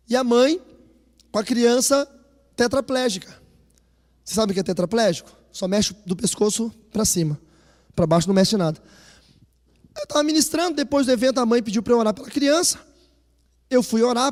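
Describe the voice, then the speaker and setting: A male pastor with a Brazilian Portuguese accent preaching a sermon, telling personal stories and acting out the dialogue. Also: extremely high pitch. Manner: animated storytelling, acting out dialogue. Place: church. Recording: reverberant church hall.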